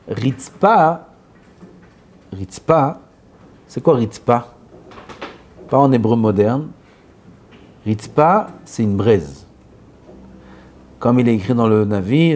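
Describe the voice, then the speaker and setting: A man giving a lively religious lesson, asking the class questions and drilling how words are pronounced. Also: mid-range voice. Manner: animated, asks questions and drills pronunciation. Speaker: rabbi teaching.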